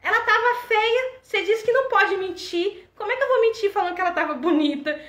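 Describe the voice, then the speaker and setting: Woman doing a high sassy little girl voice, super blunt, echoey room. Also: animated, fairly quick, fairly bright tone. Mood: indignant. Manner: high, emphatic childish delivery.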